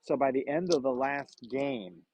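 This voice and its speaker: A man's voice: medium pitch, lively intonation, unhurried, darkish tone, breathy edge. A man calling a youth baseball game from beside the field in a chatty, easygoing way. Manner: chatty, laughs often. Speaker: play-by-play announcer. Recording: muffled lo-fi stream audio.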